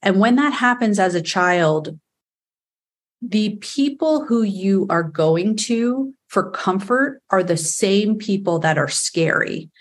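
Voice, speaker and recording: A woman with a New York accent, a guest on a podcast interview, explaining earnestly with frequent fillers. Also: medium pitch. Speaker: attachment specialist guest.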